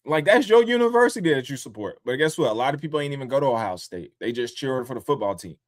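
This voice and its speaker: Man, casual livestream host, profane, animated, jumps up into mocking squeals. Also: medium pitch, quick pace. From born in upstate New York, raised in the DC area. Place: home in Columbus, Ohio.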